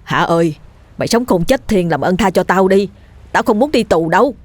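A woman's voice: fairly low pitch, normal speed, darkish tone, no echo, lightly acted. A woman voicing a frightened, desperate village man who begs and then turns stern. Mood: pleading.

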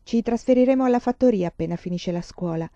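A good-humored pioneer father with a playful, teasing way of talking, as a woman reading the story puts him on. The voice is mellow and soft-edged, and the recording sounds dull and dry, with a muffled top end. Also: mid-range voice, fast, dry recording, lightly acted. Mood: cheerful. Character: cheerful joking pioneer father.

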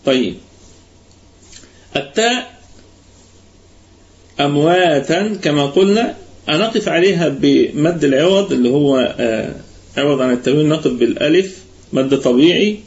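A man with an Egyptian Arabic accent teaching Quran recitation in an online lesson, patiently explaining and stretching words out slowly to demonstrate them. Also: fairly high pitch, lively intonation. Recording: muffled online voice-chat audio.

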